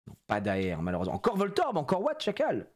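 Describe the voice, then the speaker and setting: A man streaming live as he opens trading cards, excitable, swearing and bantering with his chat. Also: high-pitched, fast, slightly rough. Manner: excitable, swears, shouts when disappointed; animated, playful banter with chat. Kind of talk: live card-opening stream.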